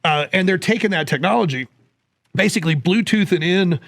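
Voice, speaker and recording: A man's voice: high voice, fairly quick, creaky, a bit bright, no echo. A man co-hosting a casual podcast, joking and rambling, then plugging gear sales into a close mic. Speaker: podcast co-host. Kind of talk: casual chat.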